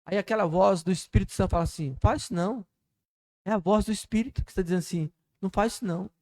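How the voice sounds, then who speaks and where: A man with a Minas Gerais Brazilian accent preaches a sermon in his church. His voice sits high, and his delivery is fervent, climbing to loud declarations and then dropping to soft, intimate asides. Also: very fast. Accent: Brazilian Portuguese, Minas Gerais. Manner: fervent preaching that rises and drops in volume. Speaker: pastor.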